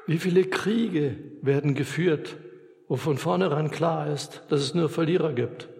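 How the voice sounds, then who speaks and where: A man preaching a sermon in a church, earnest and emphatic, with long pauses. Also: on the high side, a little mellow. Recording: long reverb of a church hall.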